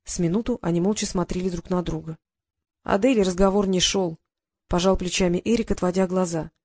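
A woman narrating a novel aloud in a steady storytelling voice. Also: on the low side, a little fast, no echo, studio quality. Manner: steady storybook reading, quietly acts out the dialogue. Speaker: audiobook narrator. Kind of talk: scripted narration.

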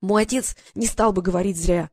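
A woman's voice: medium pitch, brisk, dark tone, close to an everyday voice. A woman voicing an earnest, talkative teenage boy who explains things at length. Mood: insistent.

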